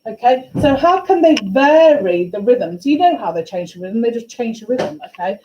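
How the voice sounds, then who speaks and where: A woman teaching a music class, questioning and encouraging her students in a brisk way. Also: fairly high pitch, animated, muffled recording, noisy background. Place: school classroom. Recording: echoey classroom, faint ambience.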